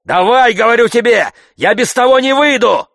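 A man voicing a loud, bullying middle-aged male sponger who shouts abuse and blusters in a storybook reading. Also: very high-pitched, expressive, moderate pace, vocal fry, no echo, studio quality, voice pushed up, exaggerated voice.

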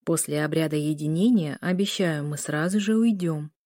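A calm, teasing werewolf groom, voiced by a woman reader, lower and softer than the narration. Unhurried and gently mocking, read close and dry. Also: dry recording.

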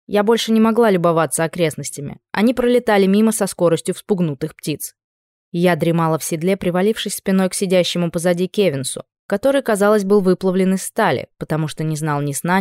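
A woman narrating a first-person fantasy audiobook in a lively, expressive reading. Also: fairly low pitch, dry recording, clean studio sound.

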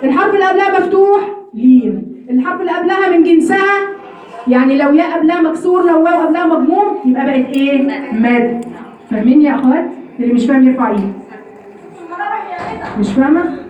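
A woman's voice: sits high, fast, pauses often, recorded from a distance, phone-quality sound. Egyptian woman teaching from across an echoey room. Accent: Egyptian Arabic. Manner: explains step by step, keeps checking if students follow. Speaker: Quran recitation teacher. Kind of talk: classroom lesson on recitation rules.

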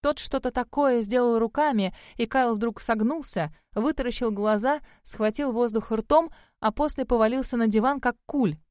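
A woman reader giving scripted first-person audiobook narration in an even storytelling manner. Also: on the high side, moderate pace, hardly any pauses, clean tone, dry recording, studio quality.

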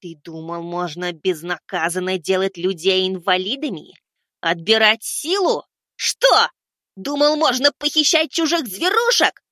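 A shrill, crazed young summoner, taunting and jeering at his foes. The voice sits far above the reader's own, bright and strained, with an odd, unnatural timbre. Dry, close audiobook sound. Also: animated, a little slow, dry recording, full character voice. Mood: maniacal taunting. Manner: shrill, mocking, taunting cackle. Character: young male summoner turned gleeful, menacing avenger. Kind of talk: audiobook character voice.

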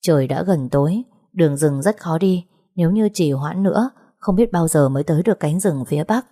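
Low-voiced woman narrating a novel. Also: a little fast. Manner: even, storytelling. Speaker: audiobook narrator.

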